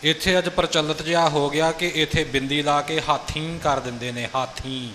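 A man's voice: fairly high pitch, fairly even intonation, normal speed, a bit bright, big-room sound, slight background noise. A man teaching scripture pronunciation, patiently explaining and modeling each line. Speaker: recitation teacher. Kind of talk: pronunciation instruction.

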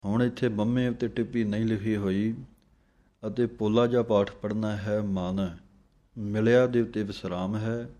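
A man teaching how to pronounce recited scripture, chanting each verse slowly and then explaining it in measured steps. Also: on the low side, flat delivery, warm tone. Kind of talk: pronunciation lesson on recited scripture.

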